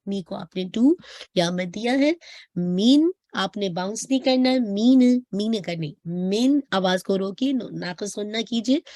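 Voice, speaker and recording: Woman, Quran recitation teacher, step-by-step explaining, slow drawn-out recitation, mid pitch, dry sound. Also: darkish tone, no echo. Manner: explains step by step in Hindi-English mix, repeats "thik hai"; recites Arabic very slowly and drawn out. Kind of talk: online tajweed lesson.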